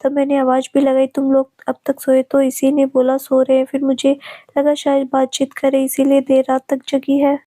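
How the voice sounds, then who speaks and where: A woman's voice: high-pitched, monotone, normal speed, mellow, close to an everyday voice. A woman reading a storybook, voicing a scheming middle-aged mother who talks in a complaining, self-righteous way.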